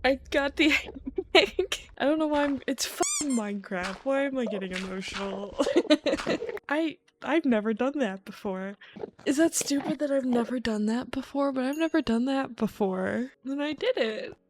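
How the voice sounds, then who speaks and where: A woman's voice: sits high, lively intonation, moderate pace, background noise. A young adult woman, a gaming creator, who reacts aloud as she plays, swearing freely and talking to the game, and also narrates in a reflective voice-over. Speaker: gaming YouTuber.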